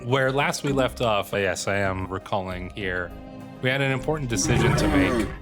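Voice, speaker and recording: Speaking at a normal speed in a fairly low voice, this Canadian man hosts a strategy game roleplay video on YouTube, musing casually despite a bad cold. Loud background music runs under his voice.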